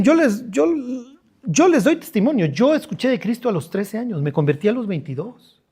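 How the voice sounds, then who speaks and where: A middle-aged man with a Mexican Spanish accent preaching a lively, conversational sermon, joking and using slang as he acts out scenes. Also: high-pitched, breathy edge. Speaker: pastor.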